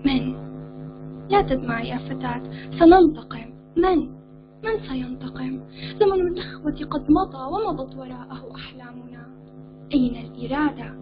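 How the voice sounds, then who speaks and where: A woman's voice: high-pitched, expressive, normal speed, pauses often, dull audio, music in the background. A woman reading a story gives voice to a grieving young girl in a war-torn land, who answers with bitter, despairing questions.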